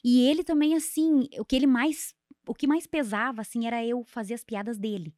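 A woman comedian chats as a podcast guest, rattling off lively stories and playing out family conversations in quick bursts. Her voice sits a little high, and the sound is close and dry with no room echo. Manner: animated storytelling, acting out family dialogue with laughs. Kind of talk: casual chat.

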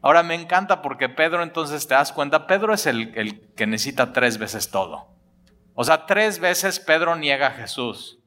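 A man preaching a lively sermon, acting out dialogue in colloquial speech. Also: fairly high pitch, moderate pace. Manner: animated, acts out dialogue, colloquial Mexican slang.

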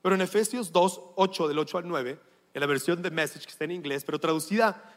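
A man's voice: fairly high pitch, fast talker, a bit bright, long reverb tail. A man with a Mexican accent, a pastor preaching a sermon in a casual, joking way full of slang.

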